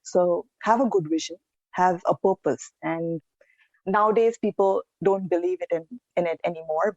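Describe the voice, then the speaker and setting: A woman's voice: lowish voice, warm tone, no room sound. Earnest woman from India, dull lo-fi sound. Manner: earnest, reflective, with pauses and restarts. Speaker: podcast guest. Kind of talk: casual interview answers.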